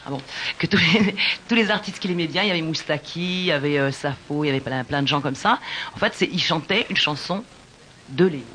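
A woman singer-songwriter telling stories in a casual radio interview, talking in an animated, halting way with many restarts. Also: low-pitched, slight background noise.

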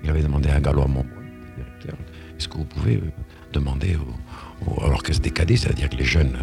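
A man with a very deep, gravelly voice holds forth in an interview about his own musical work. He wanders off on asides and restarts his sentences often, with an indignant edge. Faint music sits behind him. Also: a little fast. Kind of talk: rambling interview talk.

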